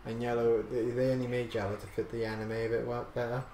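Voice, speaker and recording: A man's voice: mid-range voice, level tone, quick pace, a little mellow, reverberant, slight background noise. A man commentating a video game as he plays, joking crudely and swearing often. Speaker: let's play commentator. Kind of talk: casual gaming commentary.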